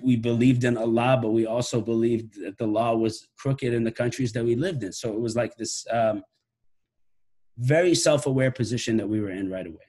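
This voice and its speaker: A man's voice: mid-range voice, fairly even intonation, fairly quick, dark tone. A man in his late thirties from Iraq, a musician and professor, talking thoughtfully to camera on a video call from his living room, often restarting phrases. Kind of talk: reflective talk to camera. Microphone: laptop webcam video call.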